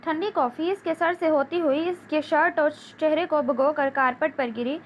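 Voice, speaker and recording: A woman narrating an audiobook novel in an even storytelling manner. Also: high voice. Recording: dull lo-fi with faint hiss.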